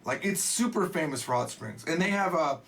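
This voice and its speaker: A man teaching Japanese in a relaxed, casual way, full of joking asides. His voice sits a little high and swings widely up and down. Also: fairly quick, vocal fry. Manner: playful, jokey asides. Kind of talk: casual spoken lesson.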